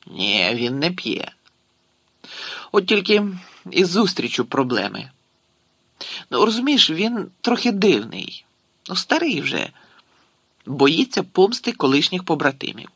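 A man's voice: fairly high pitch, big pitch swings, measured pace, pauses often, fairly bright tone, breathy edge, no room sound, voice pushed up, full character voice. A man voicing a wry, talkative Soviet security officer who explains things to his superior. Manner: chatty, amused explaining.

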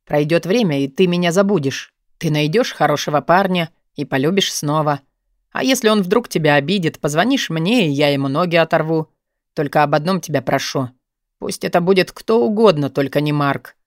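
A woman's voice: animated, no room sound, clean studio sound. A woman doing a weary, brooding dominant man. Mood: weary, firm. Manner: low, measured, tired tone.

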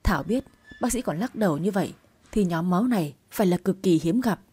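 Woman storyteller, mellow and a touch breathy, narrating and voicing lines lightly. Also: lowish voice, animated, a little fast.

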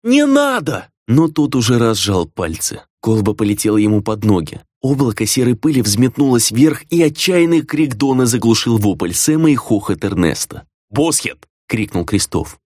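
Man reading a fantasy audiobook, super expressive, dead dry sound. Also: on the low side, normal speed, hardly any pauses, no room sound. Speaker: audiobook narrator. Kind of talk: scripted narration.

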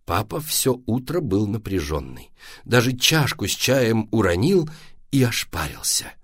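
A man narrating a children's story in an expressive, lively reading style. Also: fairly low pitch, unhurried, breathy edge, dry recording, clean studio sound.

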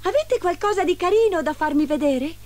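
Lady doing a sweet fairytale girl, high innocent voice, lively. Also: a little fast. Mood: friendly.

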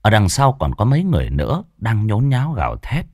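Expressive male horror story narrator. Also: fairly low pitch, fairly quick, no echo, clean studio sound.

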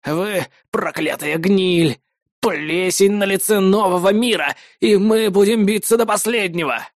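A man voicing a defiant, grumpy old male hostage who talks indignantly and excitably. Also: high-pitched, measured pace, no room sound, clean studio sound, voice pushed up.

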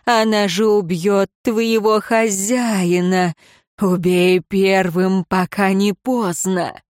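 A woman's voice: mid-range voice, steady tone, slow, a little mellow, no room sound, clean studio sound, lightly acted. A woman voicing a frantic young peasant girl who pleads urgently in a storybook reading.

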